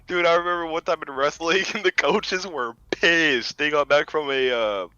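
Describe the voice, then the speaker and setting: A man's voice: a little high, normal speed, bright, forceful tone, clear, resonant tone, no room sound, highs cut off. A young man co-hosting a casual podcast, telling profane, laughing stories about school. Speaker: podcast co-host. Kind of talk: casual chat.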